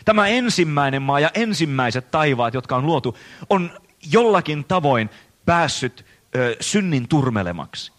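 A man preaching a sermon in an earnest, measured way, slowing down to stress key phrases. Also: a little high, very animated, fairly bright tone.

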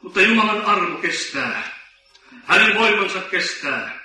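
A man preaching a sermon, slow and emphatic, telling stories with dramatic weight. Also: sits high, lively intonation, pushed and bright. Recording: echoey hall from far off.

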